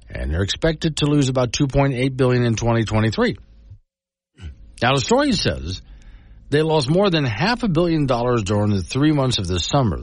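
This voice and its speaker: A man's voice: medium pitch, no echo. A man hosting a talk radio show, chatting casually and reading out listener messages. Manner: conversational, reads listener messages aloud. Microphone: studio mic.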